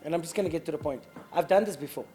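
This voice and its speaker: Easygoing dad co-host, warm mellow voice, digs in when he argues. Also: fairly high pitch, rapid-fire, soft background music. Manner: laid-back, emphatic, stubborn banter. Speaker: podcast co-host; father. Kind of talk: casual chat.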